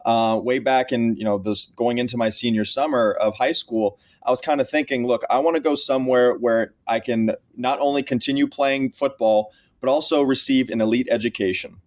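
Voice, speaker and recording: A man's voice: mid-range voice, fairly even intonation, normal speed, few pauses. Earnest young man telling his story. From Texas. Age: 20s. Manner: earnest storytelling with frequent restarts. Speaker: guest, college athlete. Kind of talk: podcast interview.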